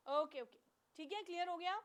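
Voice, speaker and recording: High-voiced woman teaching an online class. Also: brisk. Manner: repeats questions and answers them herself, mixes Hindi with English.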